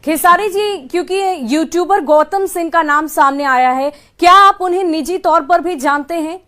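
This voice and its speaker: Very high-pitched female news interviewer. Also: moderate pace, a bit bright. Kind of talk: formal news interview questions.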